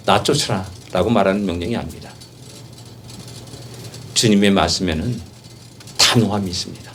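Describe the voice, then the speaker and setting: A man's voice: sits low, a little hiss or hum. Man preaching with surging emphatic delivery. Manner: emphatic, swings from soft to loud shouted exhortation; rhetorical questions and repeated phrases. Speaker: pastor. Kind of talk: sermon.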